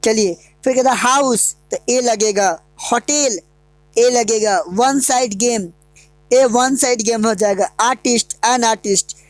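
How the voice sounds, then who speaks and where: A woman's voice: a little high, a little slow, dry recording. Teacher quizzing her own class. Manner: asks the class questions and answers them herself. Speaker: English grammar teacher. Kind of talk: explanatory online lesson.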